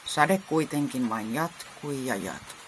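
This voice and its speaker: A woman narrating an action story for children and guiding them through movements, in an animated way. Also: very deep voice, a little hiss or hum.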